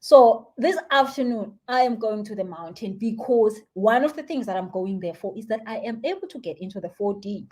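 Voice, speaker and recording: A young South African woman giving spiritual advice in a casual live stream, animated and chatty, sometimes dropping to a soft near-whisper. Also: mid-range voice, normal speed, hardly any pauses. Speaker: spiritual teacher answering viewer comments.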